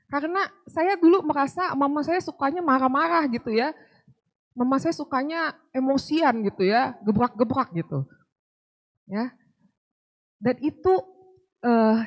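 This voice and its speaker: A woman's voice: fairly high pitch, darkish tone. A woman from Padang giving a casual sermon to a congregation, telling stories in a chatty way. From Padang, West Sumatra. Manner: chatty storytelling, acts out quotes. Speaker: preacher. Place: church service.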